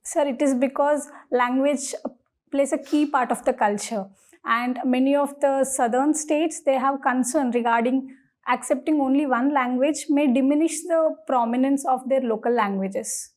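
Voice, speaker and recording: A woman's voice: sits high, moderate pace, a little mellow. An Indian-accented woman answering formally and deferentially in an interview, with some hesitancy. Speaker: candidate in mock civil service interview.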